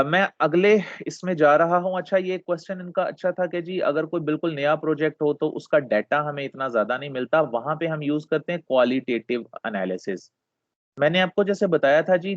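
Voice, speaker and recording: A man's voice: fairly high pitch, dry recording. Male lecturer, dull dry sound. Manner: explains patiently, mixing English terms into Urdu, often checks with "theek hai". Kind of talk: recorded class lecture.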